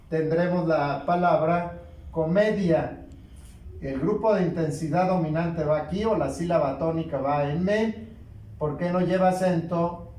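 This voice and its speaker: A man teaching a spoken grammar lesson, slow and deliberate, asking questions and answering them himself. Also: fairly high pitch, a little mellow, far from the mic. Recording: echoey room, voice from off-mic.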